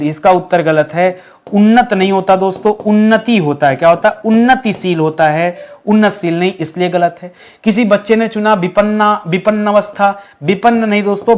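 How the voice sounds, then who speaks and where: High-voiced, lively male Hindi teacher. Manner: lively, chatty, addresses students as friends. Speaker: exam-prep Hindi teacher. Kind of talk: online exam-prep lesson.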